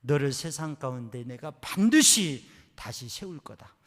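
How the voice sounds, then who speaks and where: A man's voice: mid-range voice, animated, a little slow, a bit bright, in a large hall. A man voicing God as a tender, reassuring presence who repeats his words with emphasis.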